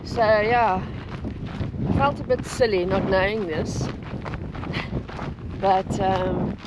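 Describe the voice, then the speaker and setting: Slow, high-voiced man in loud outdoor noise. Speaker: vlog co-host. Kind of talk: casual chat while hiking. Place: outdoors on a walking trail. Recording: very noisy, windy outdoor recording. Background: loud wind and outdoor noise.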